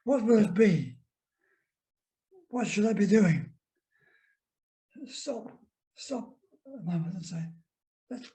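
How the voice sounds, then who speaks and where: An older man, a guest minister, talking in a gentle, halting way that trails off into soft asides. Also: sits high, low-quality recording. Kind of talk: reflective conversation.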